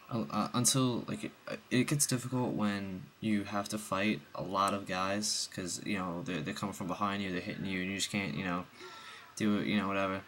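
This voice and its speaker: A man's voice: low voice, steady tone, fairly quick, a bit bright, slight background noise. A young man with the hiccups giving a rambling, casual game review voice-over, full of ums and restarts.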